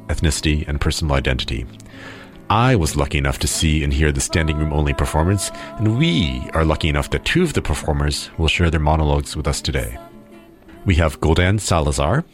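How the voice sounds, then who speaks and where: A man hosting a radio show, introducing guests in a measured, announcing way. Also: a bass voice. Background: music.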